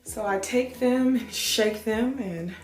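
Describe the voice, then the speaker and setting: A woman's voice: fairly high pitch, slow pace, echoey room, over music. A young woman vlogger giving a casual hair tutorial at home, chatty and playful, laughing at herself. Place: home room.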